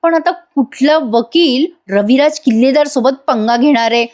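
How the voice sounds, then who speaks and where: A woman's voice: high voice, moderate pace, a little mellow, close to an everyday voice. A woman reading as an exasperated young woman. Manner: exasperated, muttering to herself. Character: frustrated young woman seeking a lawyer. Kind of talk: recap voice-over reading of a soap scene.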